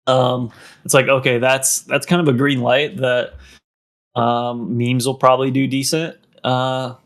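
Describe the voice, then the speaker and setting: A man's voice: mid-range voice, flat delivery, a little slow. A man talking in a casual podcast, rambling and filling his speech with "like" and "um", somewhat out of breath. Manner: rambling, heavy use of "like" and "um". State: running out of breath.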